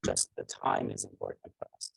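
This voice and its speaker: A man asking a halting question over a crackly, staticky video call connection, with many pauses and fillers. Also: dry recording. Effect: crackly, staticky call audio. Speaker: audience member asking a question. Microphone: video call device.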